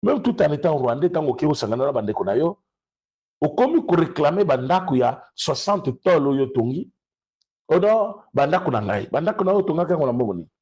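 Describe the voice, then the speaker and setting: A man with a Congolese accent delivers off-the-cuff political commentary in a fairly high, distinctly husky voice, switching between two languages. He is emphatic, repeating phrases for effect, and his delivery is sing-song, fairly quick, and a little mellow.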